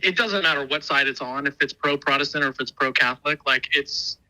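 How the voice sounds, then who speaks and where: A man's voice: mid-range voice, fairly quick, pushed and bright, rough recording. Man calling in over speakerphone. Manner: thoughtful, hesitant, many "like" fillers. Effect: heard over a speakerphone. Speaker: guest calling in. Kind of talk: casual call-in conversation. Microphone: phone call played over speakerphone.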